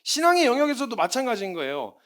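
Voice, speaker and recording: A male missionary preacher delivers a sermon in a fast, high-pitched voice. He's animated and acts out everyday scenes.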